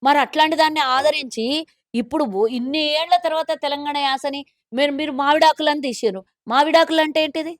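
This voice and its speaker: Fast-talking high-voiced Telangana woman. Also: dry recording, clean studio sound. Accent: Telangana Telugu. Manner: indignant, pointed, sarcastic. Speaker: corporation chairperson, guest. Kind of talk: political interview.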